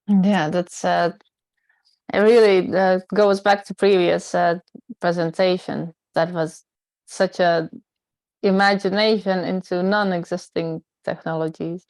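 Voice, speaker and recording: A woman's voice: lowish voice, little pitch movement, a little slow, darkish tone, dry recording. Woman, panel moderator, hesitant with fillers, dry close sound.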